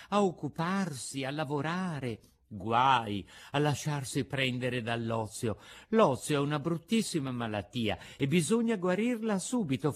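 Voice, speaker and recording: A man voicing a gentle, patient motherly fairy woman in a storybook reading, soft, measured and admonishing. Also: a little high.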